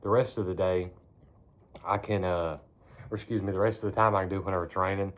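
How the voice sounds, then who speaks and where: Deep-voiced, laid-back man rambling casually. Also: fairly even intonation, fast talker. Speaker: vlogger. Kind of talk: casual rambling chat to camera. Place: in a barn.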